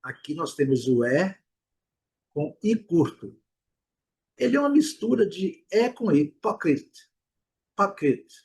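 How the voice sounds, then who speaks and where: A husky, slightly breathy Brazilian man with a fairly high voice gives a pronunciation lesson. He says each example word slowly, several times, and stretches the vowels. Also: sing-song, warm tone. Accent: Brazilian Portuguese. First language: Portuguese. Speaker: English teacher.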